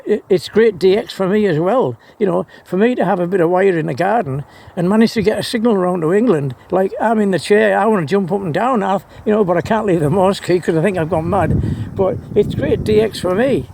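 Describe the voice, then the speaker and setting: With a high, slightly fast delivery, vocal fry, a touch of mellowness and few pauses, this male vlogger talks about amateur radio. His enthusiastic, casual rambling is marked by repeated words when he hesitates.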